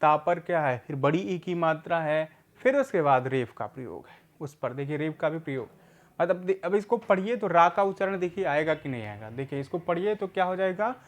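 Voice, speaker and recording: A man teaching a recorded adult literacy lesson, patiently asking questions and answering them himself, repeating words slowly for learners. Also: a little high, expressive.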